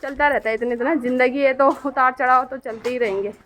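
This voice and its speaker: A middle-aged family vlogger chats homely to the camera around city streets and her home, often tagging questions on for her viewers. Her high-pitched voice is steady, a bit bright, and a little fast. A faint hiss or hum is present.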